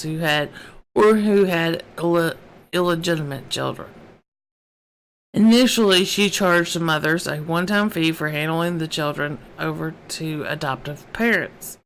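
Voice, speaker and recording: A woman's voice: fairly low pitch, fairly bright tone, a little hiss or hum. A woman hosting a casual true crime vlog, loose and giggly, with swearing and offhand asides.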